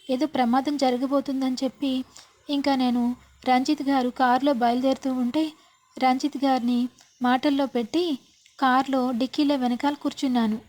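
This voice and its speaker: High-voiced woman recapping a serial. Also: warm tone. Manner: retells scenes quickly, voicing each character's lines in her own voice. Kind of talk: casual spoken story recap.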